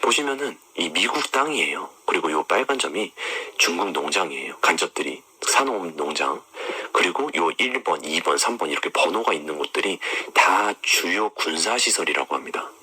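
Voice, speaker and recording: A deep-voiced man with a sharp, forceful edge and a slightly husky grain. His pitch swings a lot as he talks straight to his viewers. He points them through images on screen and keeps throwing rhetorical questions at them. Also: lively intonation, normal speed, hardly any pauses. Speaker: online commentator. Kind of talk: explanatory monologue to viewers.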